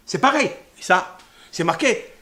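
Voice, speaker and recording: A man teaches a scripture lesson in a fairly high voice that rises and falls in wide, lively swings. He drops to hushed murmurs, then bursts into loud exclamations, weaving Hebrew terms into his explanation. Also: measured pace. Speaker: Torah teacher.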